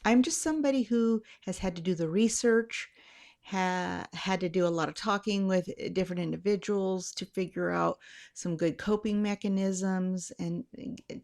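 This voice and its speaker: A woman's voice: medium pitch, a little mellow. A middle-aged woman hosting a channel, explaining tips in a casual, conversational way, rambling a little and correcting herself as she goes. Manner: rambling, self-correcting, chatty. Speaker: channel host sharing anxiety tips.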